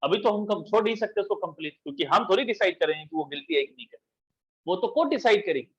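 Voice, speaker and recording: Husky, high-voiced man teaching law. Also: animated, fast, lo-fi sound. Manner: explains step by step, asks and answers his own questions. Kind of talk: classroom lecture.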